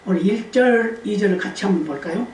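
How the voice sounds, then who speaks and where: A woman's voice: medium pitch, fast, a little mellow. Woman pastor preaching in an echoey church. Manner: quizzes the congregation and calls for amens. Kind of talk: Sunday sermon. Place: church sanctuary. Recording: echoey church hall, distant mic, faint hiss.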